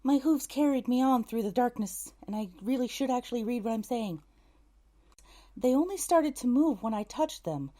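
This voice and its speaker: In a fairly high, mellow voice that is expressive and moderately paced, a narrator reads a scripted audiobook story. Between takes she breaks off to fix her mistakes, grumbling to herself in frustration.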